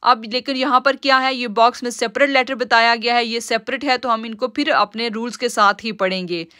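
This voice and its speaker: High, bright-voiced woman teaching recitation. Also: steady tone, dry recording, studio quality. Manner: patient, step-by-step explaining, drawn-out slow recitation of words. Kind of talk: live-streamed tajweed lesson.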